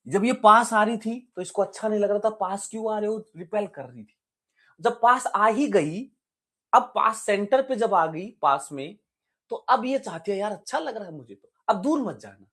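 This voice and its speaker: A man teaching a physics exam-prep lecture in a lively, chatty way. He mixes English terms into his explanations and often asks his students questions. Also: high voice.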